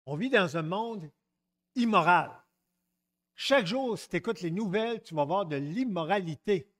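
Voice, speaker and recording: A middle-aged man with a Québécois French accent preaching a sermon, lively and joking, often stepping aside to tell stories and acting out quotes. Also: high voice, moderate pace. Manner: lively, jokes and digresses, acts out quotes.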